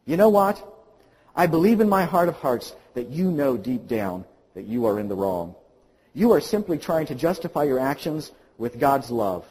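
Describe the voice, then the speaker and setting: A male pastor preaching an impassioned sermon, swinging from quiet to loud. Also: mid-range voice, sing-song, moderate pace, breathy edge, long reverb tail, poor audio.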